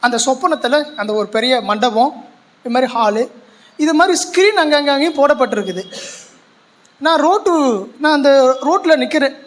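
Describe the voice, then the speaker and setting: A man's voice: very high-pitched, animated, normal speed, long pauses, fairly bright tone. A male pastor with a Tamil Nadu Tamil accent preaching a sermon in a large church hall, telling a personal story earnestly with repeated rhetorical questions.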